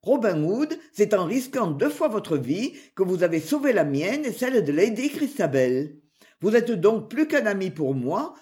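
An earnest young knight full of devotion, as a reader puts him on, with a lively voice that swoops up and down in solemn declarations. an audiobook character read with feeling rather than a big put-on voice. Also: medium pitch.

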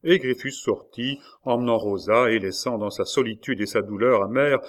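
A man narrating an audiobook of a classic novel in a measured, expressive way. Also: mid-range voice.

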